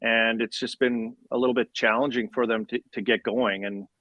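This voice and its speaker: A man's voice: mid-range voice, fairly even intonation, moderate pace, fairly bright tone, dry recording, lo-fi sound. A man talking casual sports as a slangy, chirpy hockey bro ex-player. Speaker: former hockey player guest.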